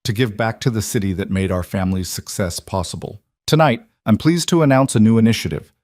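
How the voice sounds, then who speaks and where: A man's voice: fairly low pitch, a little fast, a little mellow, no room sound, studio quality, lightly acted. A man doing a crime boss's polished speech. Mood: authoritative. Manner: formal speech-making, authoritative. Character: authoritative male crime boss giving a public speech.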